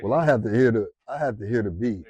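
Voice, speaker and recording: Laid-back man with a dark voice. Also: on the low side, expressive, fast. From Detroit, Michigan. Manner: laid-back, slangy, trails off with fillers. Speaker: interview guest, music promoter and rapper. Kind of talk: casual interview.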